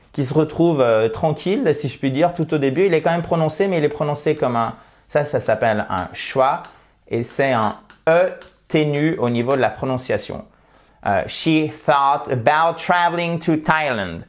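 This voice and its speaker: A man teaching English pronunciation in an online lesson, chatting relaxedly with viewers and slowly repeating model words for them to drill. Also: a little high, animated, darkish tone.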